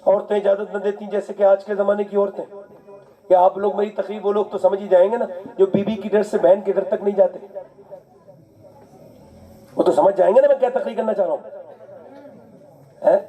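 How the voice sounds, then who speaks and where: A man giving an emotional, dramatic sermon in Urdu, moving between loud shouting and soft pleading as he tells a story. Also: high voice, steady tone, pauses often, phone-quality sound. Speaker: preacher.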